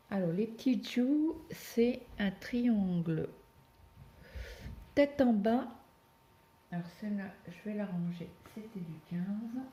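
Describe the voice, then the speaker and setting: A woman's voice: fairly low pitch, warm tone. A woman chatting casually at home while she stitches, telling rambling stories full of asides. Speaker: cross-stitch vlogger.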